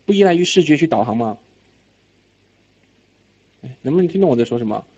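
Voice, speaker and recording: A man teaching IELTS reading in a recorded lecture, animated, often asking whether students follow and dropping English words into his talk. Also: fairly high pitch, brisk, breathy edge. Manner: mixes English words into speech. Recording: slightly dull lo-fi lecture audio.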